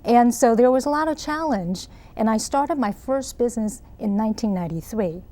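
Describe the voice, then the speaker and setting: Speaking at a normal speed, a middle-aged woman from Taiwan gives interview answers as a guest, earnestly laying out her thinking with a Taiwanese accent and frequent laughter. Her voice is a little high and dark-toned, with lively intonation.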